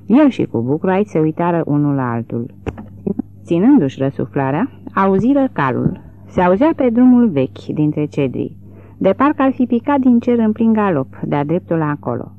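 With a narrow, tinny recording quality, an audiobook reader brings a literary novel to life through expressive, dramatic narration. The voice is mid-range.

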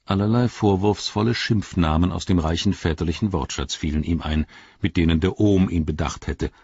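A man narrating an audiobook as calm, measured storytelling. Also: low voice, breathy edge, no room sound, muffled recording. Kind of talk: scripted narration.

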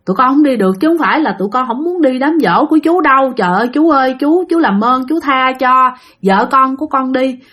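A woman's voice: high voice, lively intonation, fast talker, few pauses, fairly bright tone. Woman doing a worried husband begging a ghost, rambly. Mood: pleading. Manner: pleading, rambling. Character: desperate middle-aged husband pleading with a spirit.

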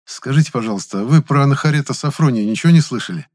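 A man's voice: medium pitch, lively intonation, quick pace, darkish tone, voice pushed up, lightly acted. A man voicing a young fellow with a grown man's mind, guarded, curt and self-assured. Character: cocky youth with an adult's mind.

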